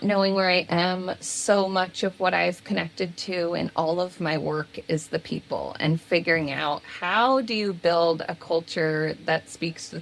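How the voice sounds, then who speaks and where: A woman in her thirties answering interview questions as a guest, animated and laughing now and then between phrases. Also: fairly low pitch. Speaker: guest, people and culture executive.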